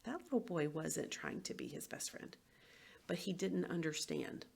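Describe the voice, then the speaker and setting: A woman's voice: deep voice, steady tone, unhurried, gravelly, a little mellow, husky. A woman, a former teacher, giving an educational presentation and acting out tones of voice as she explains.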